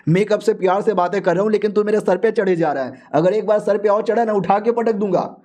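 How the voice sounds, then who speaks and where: A man voicing a blunt, gruff old male mentor who scolds and stands his ground. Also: high-pitched, fast talker, dark tone, voice pushed up, close to an everyday voice. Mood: stern.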